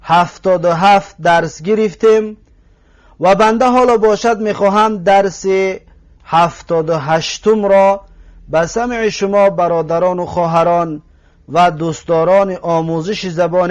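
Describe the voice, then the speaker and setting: A man with a Tajik accent teaches a recorded language lesson in a fairly high voice. He says each new word several times, slowly and carefully. He often stops to ask his listeners if they are following. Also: clear, resonant tone. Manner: patient, repeats words slowly to drill them; addresses listeners directly, asks if they follow.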